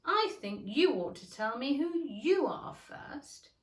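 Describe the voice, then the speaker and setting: A woman's voice: high voice, big pitch swings, takes it slowly, recorded from a distance, voice pushed up, exaggerated voice. A woman voicing a young storybook girl who is polite, earnest and a little shy and flustered. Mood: irritated. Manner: earnest, polite, hesitant, lilting. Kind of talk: children's storybook character voice. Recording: roomy, echoing indoor sound.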